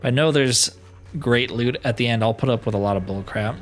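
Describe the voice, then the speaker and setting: Slightly hoarse man narrating gameplay. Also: medium pitch, a little fast, soft background music. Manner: chatty, wry asides about loot. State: slightly hoarse, losing his voice. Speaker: let's player. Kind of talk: casual gameplay commentary.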